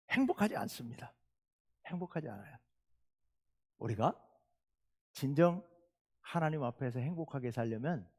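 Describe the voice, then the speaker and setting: A man preaches from the pulpit, his fairly high voice carrying through a church with a long reverb. He tells a story animatedly, swinging between loud outbursts and quiet, confiding asides. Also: breathy edge. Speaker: pastor. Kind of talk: sermon. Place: church sanctuary.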